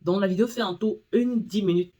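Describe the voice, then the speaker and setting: A woman hosting a casual screen-recording tutorial, talking straight to the viewer and reading English screen text haltingly. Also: mid-range voice, warm tone, faint music behind. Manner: chatty, talks straight to the viewer. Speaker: tutorial host.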